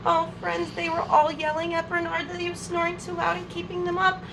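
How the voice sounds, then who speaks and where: Her voice extremely high-pitched with vocal fry, a woman reads a picture book aloud to young children at storytime. She is expressive and draws out her words, calling her listeners friends and adding friendly asides, all against a noisy background.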